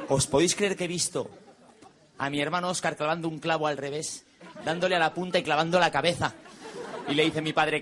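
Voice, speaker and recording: A man performing a stand-up monologue on stage, delivering quick deadpan punchlines and mimicking his relatives. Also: a little high. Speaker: stand-up comedian. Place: stage before a live audience. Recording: stage recording with audience laughter and noise.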